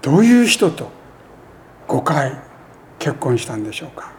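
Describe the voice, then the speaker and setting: A man preaching a sermon as a pastor, speaking earnestly with emphatic rises and measured pauses. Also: mid-range voice, sing-song, a little mellow.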